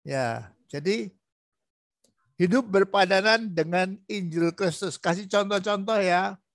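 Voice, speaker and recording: A man training a student in preaching, asking patient prodding questions and acting out gentle examples. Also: high-pitched, slow, creaky, no room sound, studio quality. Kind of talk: coaching a student in preaching practice.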